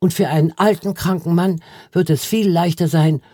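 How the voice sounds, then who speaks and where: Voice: medium pitch, steady tone, moderate pace, mellow, no room sound, voice pushed up, natural voice. An audiobook reader voicing a dry, loyal old male gardener who speaks plainly and matter-of-factly.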